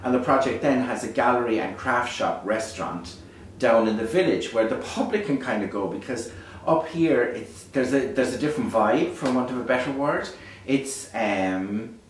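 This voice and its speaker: An Irish man speaks in a lilting storyteller's way, casual and reflective. His mid-pitched voice rings in a very echoey space, picked up from a distance over faint noise. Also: animated, normal speed. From Ireland. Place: beside a small fire in a dark stone hearth. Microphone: distant camera microphone.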